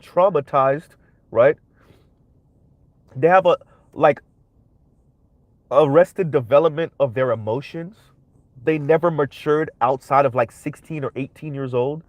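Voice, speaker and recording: On his commentary channel's livestream, the young adult host speaks in a voice on the high side, stuffy because he has a cold. He offers emphatic social commentary, leaning heavily on tag questions. The audio is lo-fi, with no room sound.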